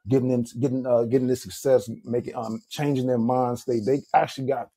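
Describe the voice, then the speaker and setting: A man's voice: medium pitch, level tone, a little fast, dark tone. A man co-hosting a casual podcast, talking in long rambling runs with restarts and "you know what I'm saying". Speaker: podcast co-host. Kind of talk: casual group chat.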